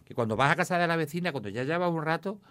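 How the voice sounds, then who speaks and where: A rapid-fire man spinning comic family stories. He talks fast and keeps jumping up in pitch to act out the people in them. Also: no echo. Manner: animated storytelling, acting out his mother in a high voice. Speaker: comic actor, guest. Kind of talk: casual anecdotes in an interview.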